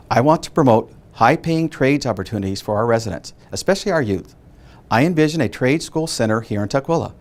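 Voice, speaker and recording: Formal man giving a measured campaign pitch. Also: darkish tone. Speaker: city council candidate. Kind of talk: campaign statement.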